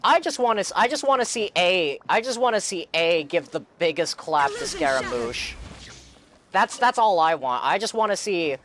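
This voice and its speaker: Over background game music, a young man streaming a game reacts and chats casually, rambling earnestly like an enthusiastic fan and repeating phrases. His voice is high-pitched and fairly bright with big pitch swings at a moderate pace, and the audio has a little hiss or hum.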